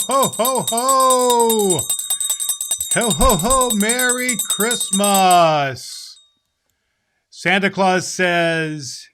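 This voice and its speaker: A man playing jolly, slow Santa Claus with booming ho-ho-hos. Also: a bit bright, full character voice. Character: jolly, hearty Santa Claus, warm old storybook host. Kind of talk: festive children's show presenting.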